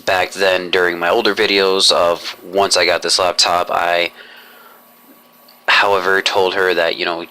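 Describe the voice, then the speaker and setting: Young man, vlog monologue, deep voice, bright edge, long-winded formal wording. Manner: formal, long-winded phrasing with many restarts. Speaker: YouTuber.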